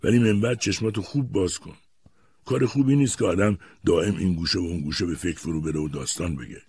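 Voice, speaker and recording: Guy doing a sad mentor type giving advice, raspy, dry. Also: sits low, darkish tone, no echo. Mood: sorrowful. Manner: sorrowful, advising. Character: sad, fatherly ship's cook mentor.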